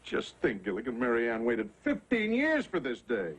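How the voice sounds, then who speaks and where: An actor playing a hearty male boat captain who fondly scolds his bumbling friend in a booming way. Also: wildly swooping pitch, normal speed, breathy edge.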